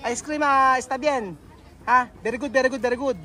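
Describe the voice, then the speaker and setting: A woman vlogging outdoors, chatting with children in a lively, coaxing way and switching between languages. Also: sits high, a little fast. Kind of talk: casual vlog chat with children. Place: busy street outdoors. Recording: crowd and music noise outdoors. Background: street crowd and music.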